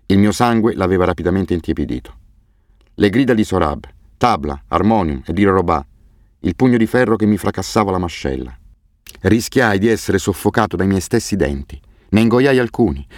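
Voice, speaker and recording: A man reading a first-person novel aloud as an audiobook narrator, in a grave, measured way. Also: low voice, darkish tone, no room sound, studio quality. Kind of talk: scripted narration.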